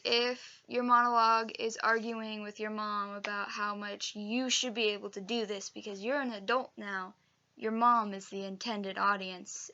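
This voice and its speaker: Young woman, acting teacher, casual lesson, chatty and emphatic, gravelly voice, dull lo-fi sound. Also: mid-range voice, bright, forceful tone. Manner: chatty, emphatic, with fillers and self-corrections. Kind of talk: casual instructional video.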